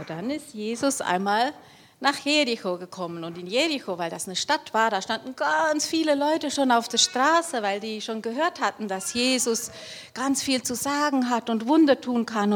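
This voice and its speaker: A woman telling a Bible story to children, explaining as she goes and asking them questions. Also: a little high. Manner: lively, explaining, asks the audience questions.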